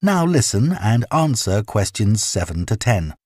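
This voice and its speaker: A man reading scripted test instructions as an exam announcer, formal and deliberate. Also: fairly low pitch, big pitch swings, a little mellow, no room sound, studio quality.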